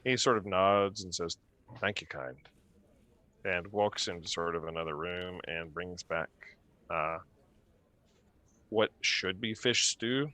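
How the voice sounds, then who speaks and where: A man narrating as game master of a tabletop game, halting and full of fillers. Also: deep voice, pushed and bright, no echo.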